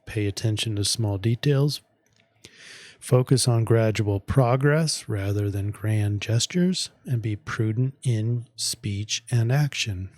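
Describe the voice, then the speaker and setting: Slow, measured man giving a forecast. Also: medium pitch, darkish tone, no echo. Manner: slow, measured delivery with deliberate pauses. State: losing his voice. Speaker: astrology forecaster. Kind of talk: weekly forecast monologue.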